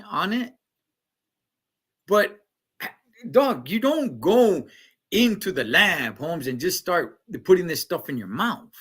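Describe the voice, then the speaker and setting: A man talks through a TV episode in loose, slangy chat. His pitch swings wide as he goes, and it sits fairly high for a man. He talks straight to his viewers like a casual streamer. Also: a bit bright, breathy edge. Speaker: show recap host.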